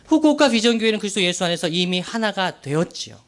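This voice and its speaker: Casting note: male pastor with a high, bright voice, delivering an earnest sermon with slow, weighty emphasis. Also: very animated. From Daegu, South Korea. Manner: earnest, slow emphatic phrasing with rhetorical questions to the congregation.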